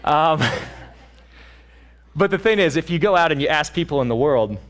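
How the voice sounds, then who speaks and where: A man's voice: on the high side, animated, normal speed. A young man, a pastor's son, preaching a casual, joking sermon at a church service, with many fillers and restarts. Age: young adult.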